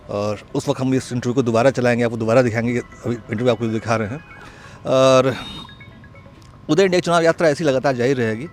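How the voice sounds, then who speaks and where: Man asking brisk interview questions. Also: medium pitch, darkish tone. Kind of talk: news interview.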